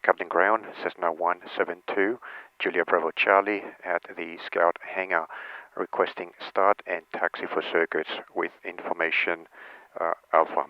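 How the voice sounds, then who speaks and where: A man's voice: sits low, level tone, moderate pace, dry recording, highs cut off. A man training as a pilot, hesitantly thinking aloud through cockpit checklists and radio calls on an intercom headset. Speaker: student pilot. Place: cockpit of a small light aircraft. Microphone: aviation headset over intercom. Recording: close, dry aircraft intercom headset.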